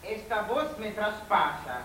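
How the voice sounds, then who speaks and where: A man's voice: sits high, animated, takes it slowly, pushed and bright, exaggerated voice. Actor doing a bitter blind poet guy, declamatory theatre style, anguished, far from mic w/ echo. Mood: shaken anguish. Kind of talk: theatrical stage drama acting. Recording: echoey, distant, faintly noisy pickup.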